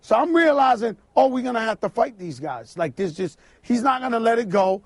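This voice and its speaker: A man, a radio guest, telling an animated story and acting out the quotes with shouts and laughs. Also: very high-pitched, a little fast, no echo. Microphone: radio studio mic.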